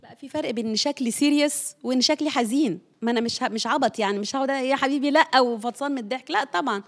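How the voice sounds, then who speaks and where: A woman's voice: sits high, racing. A woman with an Egyptian Arabic accent giving an earnest, explanatory parenting talk, repeating her points for emphasis. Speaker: parenting speaker. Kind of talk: conversational teaching talk.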